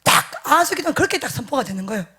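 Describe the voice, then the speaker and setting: A woman pastor preaching a sermon, telling a story with emphatic swings between loud declarations and hushed asides, often turning to the congregation for agreement. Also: on the high side, big pitch swings, racing, husky. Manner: addresses the congregation directly, seeking agreement.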